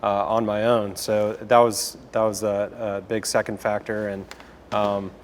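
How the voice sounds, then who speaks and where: A young man from Chicago, an orthopedic resident on a panel, speaking haltingly with many restarts. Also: on the low side, level tone, slight background noise. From Chicago, Illinois. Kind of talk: panel discussion. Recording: room with long reverb.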